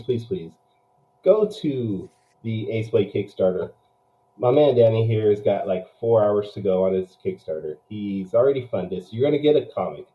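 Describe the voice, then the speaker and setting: Tinny low-quality stream of a male podcast host. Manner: hype-man pleading, announcer-style intro. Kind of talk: casual podcast chat and promo pitch.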